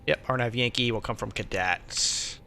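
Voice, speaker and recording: A man's voice: moderate pace, vocal fry, pushed and bright. A man streaming as a virtual pilot, casually thinking aloud and muttering to himself as he works through steps. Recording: faint background noise and low rumble.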